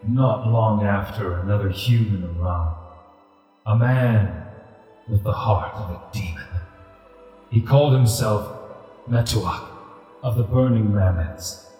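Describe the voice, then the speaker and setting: A man acts out a huge ancient tiger spirit for a tabletop game. The voice is deep and rumbling, with solemn, unhurried phrasing and a calm, unaggressive temper. Music plays clearly underneath. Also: very echoey, long reverb tail, close to an everyday voice. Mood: mournful, grave. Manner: slow, grave, measured storytelling. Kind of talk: tabletop role-play.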